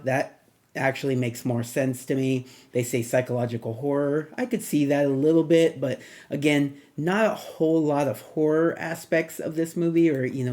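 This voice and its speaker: Rambling man with a mellow voice. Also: on the high side. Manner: rambling, many fillers and restarts. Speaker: movie reviewer. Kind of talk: casual spoken movie review.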